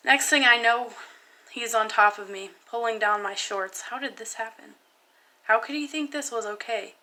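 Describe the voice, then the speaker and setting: A young woman reading her own poem aloud in a soft, halting spoken-word style. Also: on the high side, low-quality recording. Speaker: vlogger.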